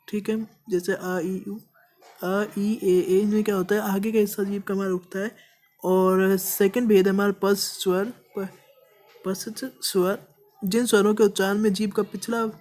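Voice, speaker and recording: A woman with a mid-range, slightly mellow voice teaches a grammar lesson step by step. She repeats points, checks in often with "ठीक है" ("okay"), and draws out vowel sounds as examples.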